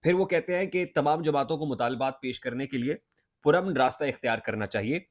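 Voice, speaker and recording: A man from Pakistan delivering political news commentary as a vlogger. He talks emphatically and pauses often on short filler sounds. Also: medium pitch.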